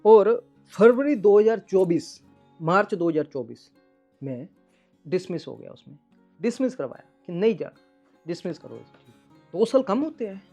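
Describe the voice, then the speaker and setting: A man's voice: fairly high pitch, dark tone, breathy edge. A man vlogging to his followers in an emotional monologue, aggrieved and accusing as he speaks straight to his estranged wife.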